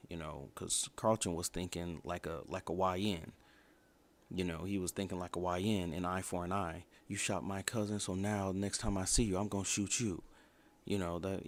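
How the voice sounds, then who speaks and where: A man in his twenties giving a casual livestream review in a blunt, opinionated, rambling way. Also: sits low. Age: 20s. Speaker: show reviewer.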